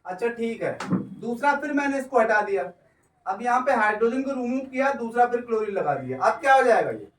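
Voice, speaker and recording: A man's voice: very high voice, animated, a little fast. A male chemistry teacher giving a classroom lecture, drawing out words and asking again and again whether the students follow. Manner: keeps asking if students understand, draws out words. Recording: echoey room, voice from far off.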